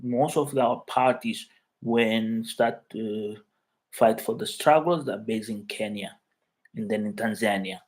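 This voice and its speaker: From his living room, a man from Mozambique with Chuabo as his first language runs a casual live stream and reads viewers' comments. His medium-pitched English is halting, peppered with fillers and restarts.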